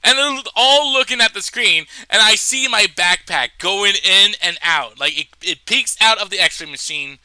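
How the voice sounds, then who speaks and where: Man, high voice, dry close sound, stuffed-up nose, rambling funny personal story, lots of fillers. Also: unhurried, few pauses, clean tone, dry recording, rough recording. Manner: rambling, animated, with many fillers and restarts.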